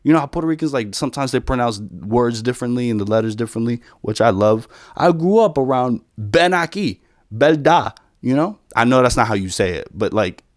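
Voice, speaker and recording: A man's voice: mid-range voice, fast, hardly any pauses, dry recording. Young guy ranting funny stories, keeps doing little voices for people, dry close sound. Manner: animated storytelling, acts out quoted voices. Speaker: comedian. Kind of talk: stand-up style rant to camera.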